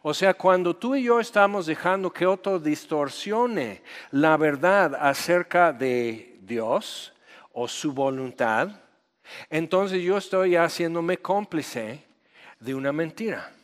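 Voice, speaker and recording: American pastor preaching in a reverberant hall. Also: male voice, on the high side, lively intonation, slow pace. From United States. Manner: direct and conversational, acts out quoted dialogue. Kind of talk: sermon.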